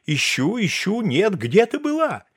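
A man reading an audiobook, voicing an excitable, impulsive young gentleman who speaks in agitated, exclamatory outbursts. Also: high-pitched, measured pace, breathy edge, pitched above the performer's own voice, full character voice. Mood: pleading.

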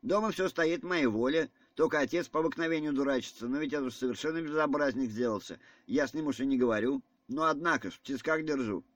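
A man's voice: mid-range voice, quick pace, few pauses, no echo, close to an everyday voice. A man voicing a nervous, ambitious young man in an audiobook reading, speaking hesitantly and defensively.

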